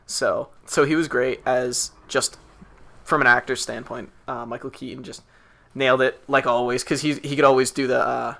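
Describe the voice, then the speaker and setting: Podcast guy with a gravelly fry in his voice, gets excited about stuff, lots of likes and ums. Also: medium pitch, moderate pace. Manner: enthusiastic, loose with fillers. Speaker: podcast co-host. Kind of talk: casual chat.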